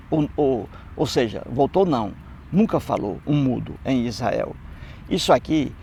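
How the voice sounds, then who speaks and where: A Brazilian man talks through scripture with open scorn, circling back to repeat his points. His mid-range voice is rough and gravelly. Faint background noise sits under the speech. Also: mid-range voice, a little mellow. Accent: Brazilian Portuguese. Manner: scornful, repeats phrases for emphasis. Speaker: atheist commentator. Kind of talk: mocking Bible commentary.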